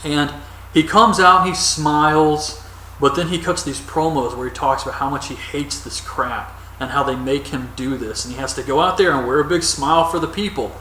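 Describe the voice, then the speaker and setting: A man's voice: fairly high pitch, fairly even intonation, moderate pace, sharp tone, reverberant, far from the mic, slight background noise, rough recording. A man giving casual, opinionated solo commentary as a wrestling reviewer, rambling with frequent ums.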